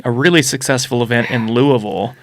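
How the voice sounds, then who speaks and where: A man's voice: mid-range voice, a little fast, gravelly. A man race director hosting a casual podcast from an office, easygoing and joking, sometimes correcting himself mid-sentence.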